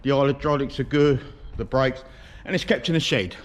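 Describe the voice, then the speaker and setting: Hosting a casual farm-visit vlog, this British video host speaks with slurred, toothless diction in a medium-pitched voice at a moderate pace. The scene is a working farm's yard and sheds, recorded with noisy on-location camera audio.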